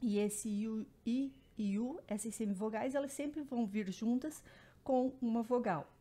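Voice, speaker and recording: Woman teacher, higher voice, warm mellow tone, explanatory lesson delivery. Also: unhurried. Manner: explanatory, repeats terms, frequent "né" and "então". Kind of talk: recorded Portuguese phonetics lesson.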